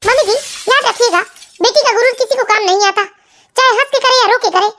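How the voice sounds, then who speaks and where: A woman voicing a young daughter-in-law who calmly but firmly speaks her mind in an animated family story. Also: very high voice, fairly quick.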